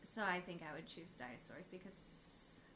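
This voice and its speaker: A young woman co-hosting a casual podcast chat, wry and deadpan, often laughing at her own awkwardness. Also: on the low side, moderate pace, background noise. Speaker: podcast co-host.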